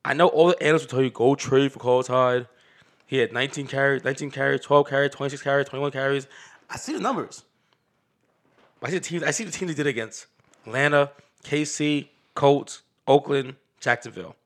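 A man co-hosting a casual fantasy football chat, animated and emphatic, joking as he argues his picks. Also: mid-range voice, fast talker.

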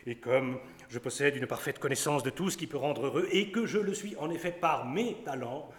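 Here the actor has a mid-range, natural voice at normal speed as he plays a pompous, bragging doctor in a stage production of a classic comedy. He lectures, lists his points one by one and shows off his Latin, and the sound echoes with long reverb in the hall.

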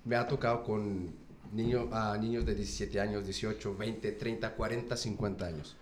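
A man speaking as a mentor in a podcast discussion, halting and full of fillers, switching between two languages. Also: on the low side, fairly even intonation. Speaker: podcast guest, mentor who builds leaders. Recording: echoey room, faint noise.

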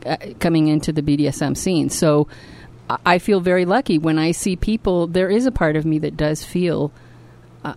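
A woman's voice: low-pitched, normal speed, darkish tone. A woman hosting a podcast, chatting casually and reading written posts aloud. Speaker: podcast host.

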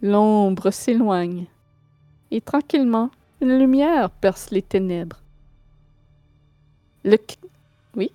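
Woman, game master narration, unhurried, dry recording, faint music. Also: medium pitch, dark tone, dry recording. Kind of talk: narrating a tabletop role-playing game.

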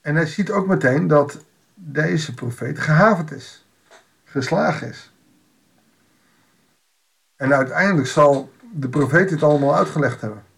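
A man with a gravelly, slightly raised voice reads a Bible passage and talks it through in a relaxed devotional. His tone stays conversational, broken by dry, wry asides. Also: on the high side, a little slow, long pauses. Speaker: preacher reading and explaining Bible passages.

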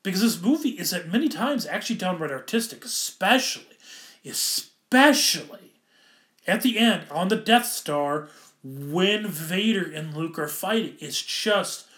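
A man's voice: high voice, animated, moderate pace, fairly bright tone, reverberant. A man giving casual, enthusiastic film commentary, rambling and often correcting himself mid-sentence. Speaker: film reviewer.

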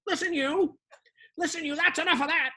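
A man's voice: very high-pitched, fairly even intonation, fairly quick, a loud crowd, pitched above the performer's own voice. A man putting on the voice of a fussy, indignant guy who complains and demands a manager.

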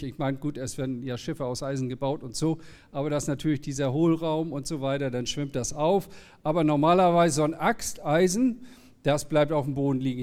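A man's voice: a little high, darkish tone. A man preaching a conversational sermon, explaining plainly with everyday stories. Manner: casual, anecdotal, explains plainly with everyday examples.

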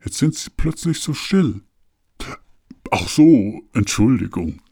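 Guy doing a smug fat bad guy, slow and husky, dry close sound. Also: mid-range voice, big pitch swings, warm tone, dry recording, heavily acted. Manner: smug, mockingly polite. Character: fat smug male villain in a tailcoat with a cigar. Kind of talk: audio drama acting.

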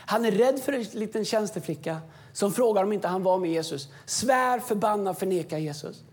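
A man giving an impassioned sermon as a pastor on a church stage, swinging from quiet stretches to shouting. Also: high-pitched, expressive. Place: church stage with music behind.

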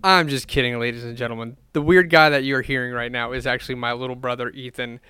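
Clear-voiced male podcast host. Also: mid-range voice, fairly even intonation, fast, sharp tone, no echo, studio quality. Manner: loose and chatty, with many fillers. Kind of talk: casual podcast chat.

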